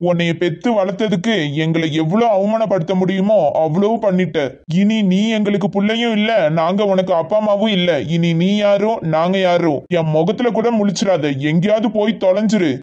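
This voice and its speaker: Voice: mid-range voice, fairly quick, warm tone, dull audio, natural voice. A voice actor playing the groom's angry, ashamed father in a cartoon, with a Kanyakumari Tamil accent and a harsh, scolding manner.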